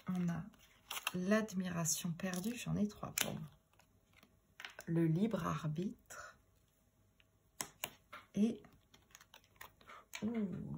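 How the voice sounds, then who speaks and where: A woman's voice: on the low side, creaky, a little mellow, slight background noise. A woman giving a tarot reading in French, musing aloud as she turns the cards, often dropping into a whisper. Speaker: tarot reader.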